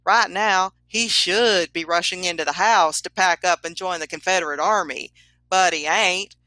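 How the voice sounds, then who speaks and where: A preachy male Confederate ghost, as a woman reads him, lecturing slowly and deliberately. The voice is bright and forceful, recorded dry and close with no room sound. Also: lowish voice, dry recording.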